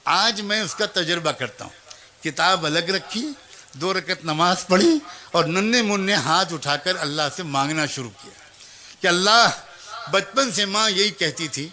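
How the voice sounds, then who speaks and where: A man delivers a sermon as a moving story, his voice high and bright. He speaks the lines of the teacher, the child and the mother himself, with plenty of feeling. Now and then he turns to address mothers and young people directly. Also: lively intonation. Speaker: preacher.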